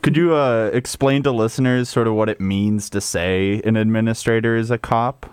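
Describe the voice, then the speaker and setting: A man's voice: fairly low pitch, fairly even intonation, normal speed, darkish tone, clear, resonant tone, no room sound, studio quality. A man co-hosting a radio show and asking questions in a casual interview style.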